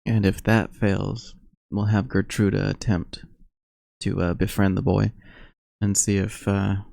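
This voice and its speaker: A man voicing a thoughtful, cautious woman adventurer with an Eastern European accent, deliberate in speech. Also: lowish voice, little pitch movement, gravelly, dark tone, no echo, clean studio sound.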